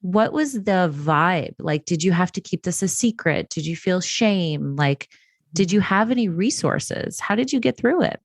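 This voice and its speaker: A woman's voice: on the low side, lively intonation, a little slow, no echo, studio quality. A woman hosting a podcast interview, affirming her guest in a friendly way as she asks questions. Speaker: podcast host. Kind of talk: casual interview conversation.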